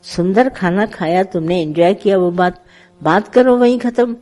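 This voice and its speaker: A woman's voice: mid-range voice, moderate pace, darkish tone, poor audio. A middle-aged woman leading a devotional satsang, talking in a conversational way to her followers, telling parables and slipping English words into her speech. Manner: conversational, tells parables with acted quotes, mixes English words. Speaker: spiritual teacher leading satsang.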